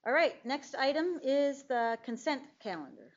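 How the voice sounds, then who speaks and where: A woman's voice: high-pitched, expressive, moderate pace. A woman chairing a public board meeting, moving through agenda items in an informal, friendly and slightly hesitant way. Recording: muffled meeting recording.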